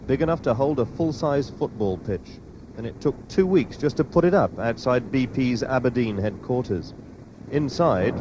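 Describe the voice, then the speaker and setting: A man reading a broadcast news report in a crisp, measured way, heard from a worn tape copy of an old broadcast. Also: medium pitch. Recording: dull hissy tape copy.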